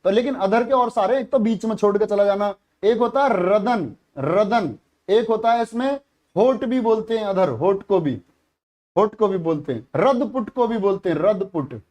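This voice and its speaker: A man's voice: sits high, animated, normal speed, darkish tone. A male teacher from giving a classroom lesson, repeating each word and asking the students questions.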